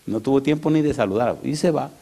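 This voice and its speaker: A man's voice: medium pitch, fast talker, warm tone. A male pastor giving a sermon, asking the congregation questions and telling stories in a conversational way.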